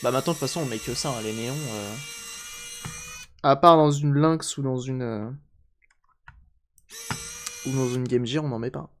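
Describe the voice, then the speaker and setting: A man's voice: medium pitch, normal speed, pauses often, a little hiss or hum. Chatty man repairing on stream. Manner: chatty, jokey, answers chat aloud. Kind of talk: casual live-stream chat while repairing.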